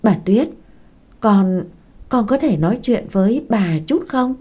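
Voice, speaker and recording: A woman's voice: a little high, dark tone, voice pushed up. Woman doing a desperate pleading young woman. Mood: hesitant. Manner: pleading, halting, choked up. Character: poor young woman begging for a loan, desperate.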